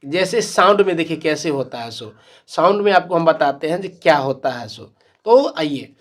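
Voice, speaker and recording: Rich: A man with a fairly high voice teaches English spelling rules in an online lesson. He spells each word out letter by letter, asks a question, then answers it himself. He keeps coming back to the same points. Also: expressive, normal speed, fairly bright tone. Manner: calls viewers "my dear friends".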